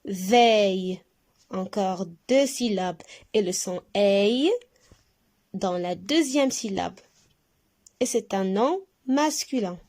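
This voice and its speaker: Female primary teacher, rather high voice, extremely slow and deliberate, drawing out each syllable for young pupils to repeat. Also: a little mellow. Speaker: primary school French teacher. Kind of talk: recorded reading lesson for young pupils.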